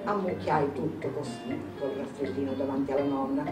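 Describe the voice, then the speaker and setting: A woman giving an expressive, measured literary reading at a public tribute event. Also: extremely low pitch. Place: event hall. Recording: echoey hall, distant mic, music.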